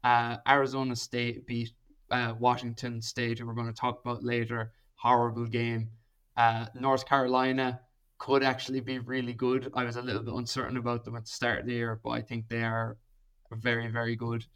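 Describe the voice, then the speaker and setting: A man with a Kerry Irish accent talks casually on a sports podcast. His delivery is extremely level, with hardly any rise or fall in pitch. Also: completely flat delivery, normal speed, fairly bright tone, clean tone. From Kerry, Ireland. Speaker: podcast panellist.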